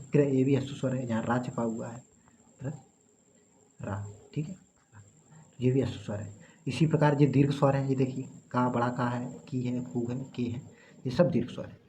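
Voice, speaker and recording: A man's voice: mid-range voice, warm tone. A man teaching a grammar lesson. He explains step by step and keeps checking in with his students. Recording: slightly dull recording with faint background noise.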